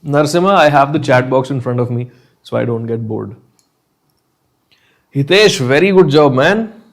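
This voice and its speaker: A man with an Indian accent and an expressive mid-range voice teaches a live online chemistry class at a moderate pace. He encourages and reassures his students, checks in with them often, and slips Hindi phrases into his English.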